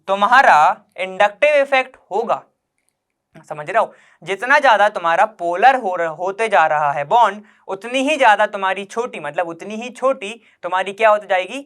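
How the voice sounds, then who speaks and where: A man's voice: sits high, lively intonation, normal speed, fairly bright tone, clear, resonant tone. A man teaching chemistry to students, explaining step by step in an informal, coaxing way, asking the class questions and repeating the key points. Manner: informal and coaxing, asks the class questions and checks they follow.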